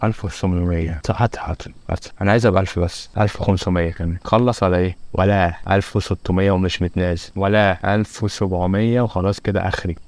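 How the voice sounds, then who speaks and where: A man's voice: low voice, a little mellow, a little hiss or hum. A young man with an Egyptian Arabic accent commenting on a car dealer game as he plays, joking and haggling with its customers. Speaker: gaming YouTuber. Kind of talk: let's-play commentary.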